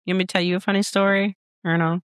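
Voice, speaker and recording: Animated storytelling woman, dry sound. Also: lowish voice, rapid-fire, clear, resonant tone, no room sound. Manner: animated, playful, acts out her stories. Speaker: podcast co-host, nurse practitioner. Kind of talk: casual storytelling chat.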